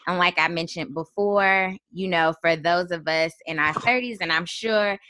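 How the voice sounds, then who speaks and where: A woman in her thirties hosting a casual podcast chat, relaxed and chatty with frequent ums. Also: on the low side, normal speed, a little hiss or hum. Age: 30s. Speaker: podcast host.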